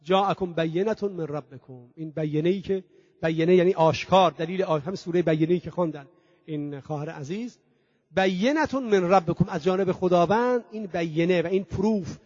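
A high-voiced preacher with a darkish tone leads a sermon for mourners, singing out lines of scripture, piling on emphatic lists and asking the congregation rhetorical questions. There's no room sound; the recording comes across muffled, lo-fi and very dry.

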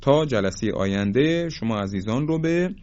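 A man teaching a Quran recitation lesson, explaining the rules and then chanting the examples slowly and drawn out. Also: mid-range voice, lively intonation, a little mellow. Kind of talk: tajweed lesson. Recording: dull lo-fi recording.

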